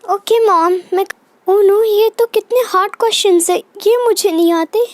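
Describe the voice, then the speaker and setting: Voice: extremely high pitch, a little slow, no echo. A performer voicing Preeti, a cheeky, careless schoolgirl doll in a storybook tale who chats to herself. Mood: chatty. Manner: chatty, talks to herself. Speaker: daughter. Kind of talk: Hindi doll story voice-acting.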